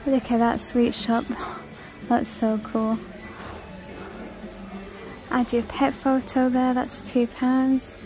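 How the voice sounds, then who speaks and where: A woman's voice: fairly high pitch, level tone, slow, pauses often, warm tone, faint music behind, low-quality recording. A woman casually walking through a large store, chatting and listing prices as she films on her phone. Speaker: shopping vlogger. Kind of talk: casual shop-with-me walkthrough. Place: large indoor retail store. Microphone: handheld phone camera.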